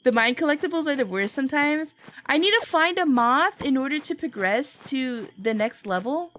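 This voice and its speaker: A woman's voice: high-pitched, animated, normal speed, fairly bright tone. A woman chatting casually on a gaming livestream as host, with a cute, bubbly anime-streamer delivery. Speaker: livestream host playing a video game.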